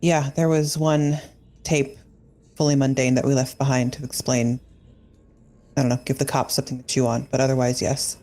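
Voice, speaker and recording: A woman's voice: very deep voice, level tone, normal speed, warm tone. A woman player in a tabletop horror game, speaking firmly and steadily in character and narrating her agent's actions.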